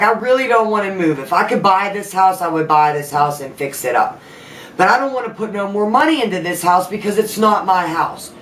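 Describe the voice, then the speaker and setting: A woman's voice: fairly low pitch, a little hiss or hum. Pissed off woman vlogging at home, swearing a lot, echoey room, mic kinda far. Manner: profane, heated ranting. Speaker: vlogger and makeup artist. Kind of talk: angry venting vlog. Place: her own house.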